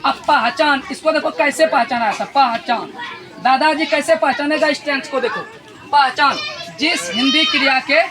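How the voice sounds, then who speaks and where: High-voiced man teaching a noisy class. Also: moderate pace. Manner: quizzes the class, tags questions with "re". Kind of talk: classroom grammar lesson. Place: busy school classroom. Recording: noisy crowded room. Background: children's chatter and noise.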